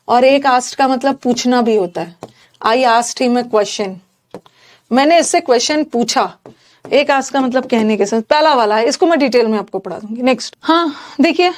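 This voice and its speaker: In a high voice, a woman delivers an exam-prep grammar lecture, mixing Hindi and English as she explains. She puts questions directly to her students.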